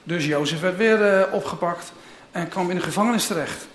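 A man's voice: sits high, fairly quick. Guy preaching, reads the bible story then talks it through casually, lots of echo like a church. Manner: conversational retelling, thinking aloud with asides. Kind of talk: sermon with Bible reading. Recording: roomy echo.

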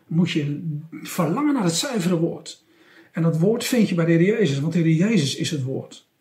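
A man preaching a sermon with an expressive, emphatic delivery and rising stresses. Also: high voice. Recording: echoey room.

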